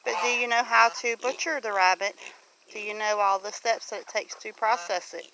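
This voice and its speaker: Out on a homestead near the farm animals, a middle-aged Southern US woman vlogs in a casual, folksy chat, frequently turning questions toward her listener. She speaks at a moderate pace in a medium-pitched voice with fairly even intonation, against a noisy background.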